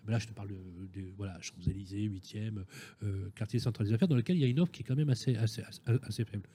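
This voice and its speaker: A man's voice: lowish voice, fast, warm tone, slightly rough. A man questioning guests in a panel discussion, direct and insistent, rephrasing as he goes.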